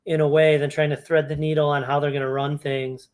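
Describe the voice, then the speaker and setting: A man's voice: on the high side, little pitch movement, fairly quick. A man talking through fantasy hockey lineups in a casual walkthrough, thinking aloud and correcting himself as he goes. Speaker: fantasy sports analyst. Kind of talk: casual screen-share walkthrough.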